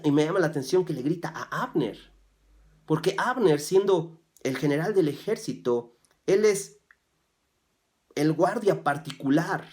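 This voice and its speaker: A man preaching a sermon as pastor. He drops to soft, low asides, then rises loudly when he reads scripture, and he asks his listeners rhetorical questions. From Mexico. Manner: swings from soft, low asides to loud, raised scripture reading.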